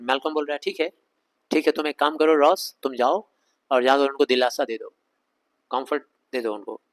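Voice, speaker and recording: A man teaching a Shakespeare scene line by line, reading the English slowly in an Indian accent and explaining it in conversational Hindi with rhetorical questions. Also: mid-range voice, fairly even intonation, rough recording. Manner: reads English lines slowly, explains them fast in Hindi.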